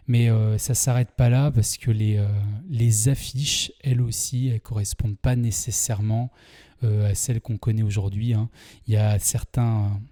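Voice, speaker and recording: Speaking in a warm, medium-pitched voice, a man with a French accent chats through a casual film review. He hesitates often, using plenty of fillers and restarting sentences.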